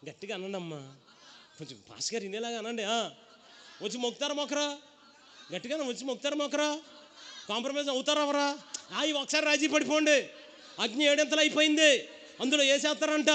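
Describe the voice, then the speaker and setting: A man preaching a lively call-and-response sermon, acting out the characters of the story and urging the congregation to shout back. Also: very high voice, a little hiss or hum. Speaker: pastor.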